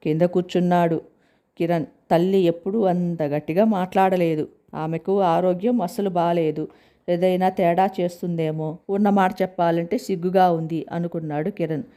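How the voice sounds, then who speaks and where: A woman reads a family story aloud in a steady, plain way. Her voice sits low with a soft, mellow tone. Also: moderate pace. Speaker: narrator.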